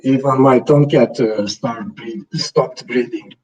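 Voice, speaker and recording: A man's voice: mid-range voice, takes it slowly, darkish tone, distant mic. A man hosting a live stream over a video call, talking hesitantly with many fillers, his audio breaking up and sounding robotic. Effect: glitchy, robotic-sounding, breaking-up internet audio. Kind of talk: casual online discussion.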